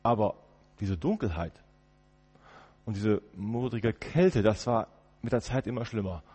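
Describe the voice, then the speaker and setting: A male preacher telling a story in the first person during a service, turning from loud outbursts to hushed murmurs. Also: lowish voice, unhurried, breathy edge, long reverb tail. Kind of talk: first-person dramatic sermon monologue. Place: church.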